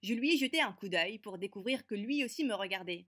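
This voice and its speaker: A woman voicing a feisty teenage girl who narrates an animated story with brisk, sarcastic wit. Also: mid-range voice. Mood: sardonic.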